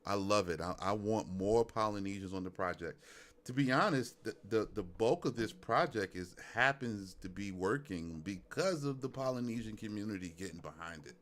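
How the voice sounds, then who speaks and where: A man with a Brooklyn accent hosts a live music review stream in a lowish, slightly bright voice with lively intonation at a moderate pace. His casual chat is laid-back and loose, and he leans on "you know what I'm saying."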